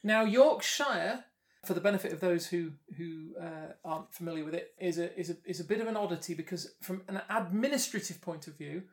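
A woman's voice: lowish voice, steady tone, fast, few pauses, a little mellow. A woman co-hosting a podcast in casual chat, with a wry, self-deprecating manner. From Britain. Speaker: podcast co-host.

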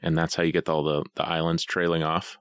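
A man co-hosting a podcast in a casual chat, rambling through long, drawn-out stories. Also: rumbling low, completely flat delivery, clear, resonant tone, no echo, studio quality. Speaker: podcast co-host. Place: home basement studio.

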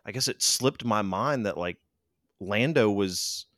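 An American man co-hosting a casual podcast, talking in an animated, emphatic way. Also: on the low side, a little slow, no echo, studio quality. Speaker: podcast co-host. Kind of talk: casual chat.

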